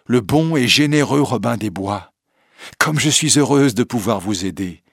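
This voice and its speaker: A man's voice: mid-range voice, lively intonation, normal speed, slightly rough, dry recording, studio quality, pitched above the performer's own voice. A man voicing a poor, grateful old woman who speaks eagerly.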